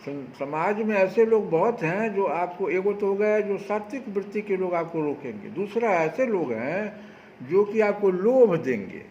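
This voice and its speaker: A man's voice: high voice, animated, a little slow, darkish tone, reverberant. A man giving a devotional discourse as a spiritual speaker, preaching with rhetorical questions. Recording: dull lo-fi recording with faint noise.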